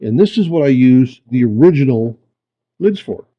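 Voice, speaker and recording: A man giving a folksy, unhurried hands-on demonstration, thinking aloud, his voice muffled by a camera microphone. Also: mid-range voice, animated. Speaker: host of a rock tumbling hobby channel. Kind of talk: casual hands-on demonstration talk. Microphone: camera's built-in microphone.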